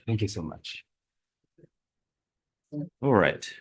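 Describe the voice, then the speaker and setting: A man's voice: on the low side, expressive, slow pace, vocal fry, breathy edge. A man from China with a Chinese accent giving an academic conference talk. He speaks carefully and hesitantly, often restarting his phrases. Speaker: conference presenter. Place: conference hall.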